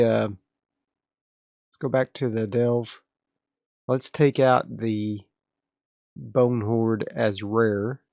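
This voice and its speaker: A creaky, medium-pitched male voice, with no room sound, belongs to a man casually narrating a solo tabletop game. He muses aloud while setting up his next area, rambling in a relaxed way and restarting frequently.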